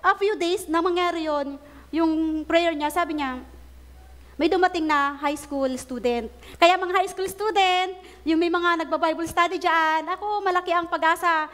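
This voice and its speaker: A woman preacher, telling a story in her sermon with animated delivery and English phrases mixed in. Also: very high voice. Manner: animated storytelling, acting out quoted prayers; mixes Tagalog with English phrases.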